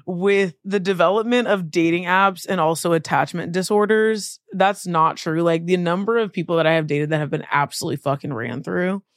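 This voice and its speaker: Blunt, low-voiced woman guest. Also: a little fast, few pauses, no room sound, studio quality. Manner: blunt, emphatic, playful swearing. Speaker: podcast guest. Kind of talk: casual chat.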